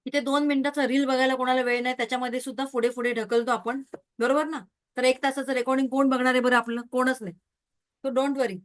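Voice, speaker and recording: High-voiced woman teaching a lively class. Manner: lively, quizzes the class with repeated questions. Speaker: Reiki teacher. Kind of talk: online class lecture.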